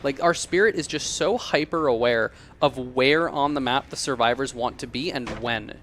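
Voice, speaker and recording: A man giving excited, analytical live commentary on a video game match as an esports caster. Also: mid-range voice, normal speed, a little hiss or hum.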